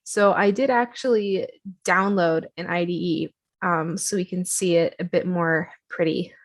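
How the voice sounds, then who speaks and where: Chatty woman presenting a software tutorial. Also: fairly low pitch, fairly even intonation, a little slow. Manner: chatty, self-deprecating, lots of fillers. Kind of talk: casual screen-share tutorial.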